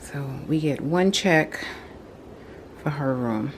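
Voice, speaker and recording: A woman's voice: low-pitched, lively intonation, takes it slowly, background noise. A young adult woman talking to viewers while she cleans her house, a bit out of breath. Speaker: cleaning vlogger. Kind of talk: casual cleaning vlog narration. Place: at home.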